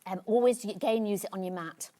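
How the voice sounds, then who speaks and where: Chatty woman demonstrating crafts, mid-pitched. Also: fast talker, dark tone. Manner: chatty, informal, self-narrating. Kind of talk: casual live craft demonstration. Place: TV studio.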